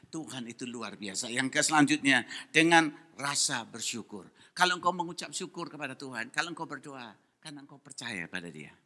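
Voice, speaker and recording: A man preaching a church sermon, telling a personal story with lively acted-out dialogue. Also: mid-range voice. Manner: lively storytelling, acting out voices. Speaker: pastor. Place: church hall.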